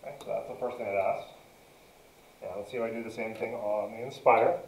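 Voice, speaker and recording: A man's voice: lowish voice, steady tone, a little fast, a little hiss or hum. Guy teaching math, kinda far from the mic w/ echoey room, dictating steps bit by bit. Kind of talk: step-by-step lesson narration, working through a problem. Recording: dull, roomy, distant mic.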